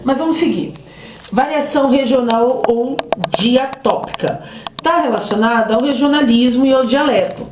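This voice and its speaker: A middle-aged woman teacher with a Southeastern Brazilian accent walks students through a grammar review, pausing often on hesitation fillers. Her voice sits a little high for a woman. It is caught in an echoey amateur room recording. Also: darkish tone, a little hiss or hum. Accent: Southeastern Brazilian Portuguese. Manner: explanatory, with frequent hesitation fillers. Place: roomy space near a street, where a passing motorbike is heard.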